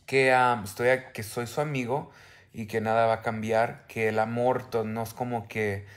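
Man in his thirties from the US, co-host, speaks earnestly with a mid-pitched voice and many fillers, recorded on a phone at arm's length at home. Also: fairly even intonation, normal speed. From United States. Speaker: co-host, husband. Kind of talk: casual bilingual chat. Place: indoors on a couch at home.

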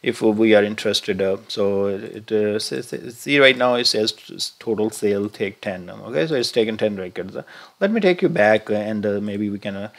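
Gravelly low man walking through software. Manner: halting, many "uh" fillers, thinking aloud while clicking. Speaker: software tutorial presenter. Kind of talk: screen-recorded software walkthrough.

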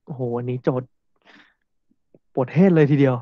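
A man's voice: mid-range voice, steady tone, moderate pace, no room sound, highs cut off. A man teaching a classroom grammar lesson, explaining step by step and repeating examples.

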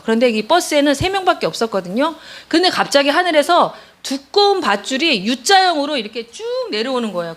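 A woman's voice: high voice, fairly bright tone. A woman pastor giving a sermon, telling a personal story with feeling and speaking straight to the congregation. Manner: emotional storytelling, addresses congregation directly.

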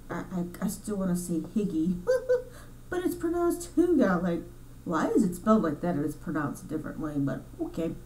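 A woman's voice: fairly low pitch, a little mellow, distant mic, slight background noise, poor audio. A woman hosting her crochet channel in a chatty, rambling way, correcting herself as she goes, a bit congested from sinus trouble. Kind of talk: casual chat over store footage.

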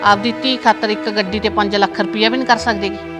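A woman's voice: medium pitch, fairly even intonation, quick pace, over music, natural voice. A woman playing a greedy middle-aged mother of the groom, blunt and haughty. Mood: demanding.

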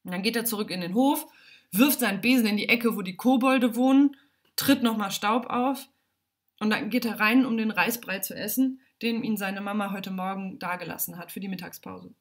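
A woman reads a children's story aloud in an animated, dramatic way. She speaks from home on a livestream. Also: medium pitch, moderate pace.

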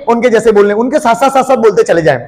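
Guy teaching a class, high voice, talks fast, keeps pushing the students. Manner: lively, urges the class on. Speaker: English teacher. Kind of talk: classroom lesson.

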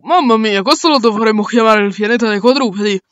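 A man voicing a male space crew captain in an amateur audio drama, giving orders and reasoning aloud with pauses. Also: sits high, fairly bright tone, clear, resonant tone, no room sound, lo-fi sound. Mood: calm, commanding.

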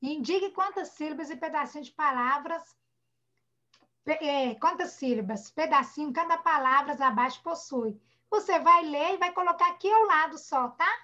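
A woman's voice: high voice, moderate pace, pushed and bright. A woman teacher with a Brazilian accent, leading an online class for young children and patiently sounding out syllables. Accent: Brazilian Portuguese. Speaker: primary school teacher. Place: home, online video class. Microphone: computer or phone mic on a video call. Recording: dull lo-fi video-call audio.

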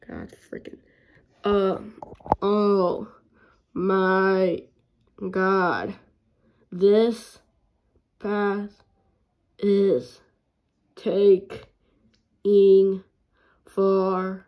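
A woman's voice: mid-range voice, little pitch movement, drawn-out words, pauses often, dull audio. A woman improvising a fan story and voicing several characters. She talks hesitantly and often drops into a whisper. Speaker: plush toy video performer.

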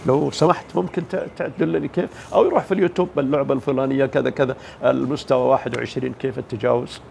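A man's voice: mid-range voice, steady tone, racing, vocal fry, a little mellow, slight background noise. A man giving a motivational religious talk, emphatic, asking rhetorical questions and mimicking the people he describes. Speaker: motivational speaker.

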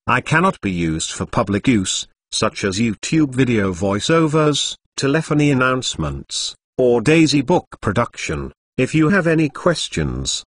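A man's voice: mid-range voice, a bit bright, breathy edge, no echo. A synthetic text-to-speech voice of an adult British English man, reading a scripted product announcement in a clipped computer delivery. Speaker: voice demo announcer.

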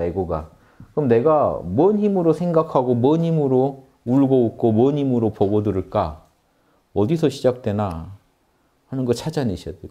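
Guy w a low warm voice lecturing on meditation, earnest, keeps repeating himself. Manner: earnest, repetitive, rising emphasis on key words. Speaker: meditation teacher. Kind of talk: spiritual lecture.

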